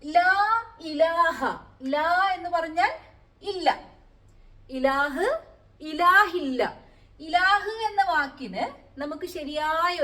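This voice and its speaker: A woman teaching the meaning of Quranic prayers word by word, explaining slowly and asking rhetorical questions. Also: sits high, sharp tone. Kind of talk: Quranic Arabic lesson.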